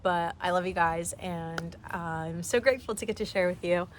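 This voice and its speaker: Her voice fairly low and her pace moderate, a podcast host in her twenties earnestly rambles through a casual motivational monologue full of "like" and "you know." A faint hiss or hum runs underneath.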